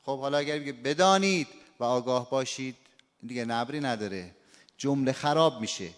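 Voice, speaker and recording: A man teaching a recitation class, explaining points politely and demonstrating phrases as examples. His voice sits at an ordinary middle pitch. The room gives it a long reverb. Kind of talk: classroom lecture with questions.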